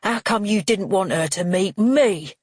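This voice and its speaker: A woman's voice: lowish voice, unhurried, slightly rough, dry recording, clean studio sound. A woman voicing a crude, menacing middle-aged father who sneers and needles everyone at the table. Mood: barking.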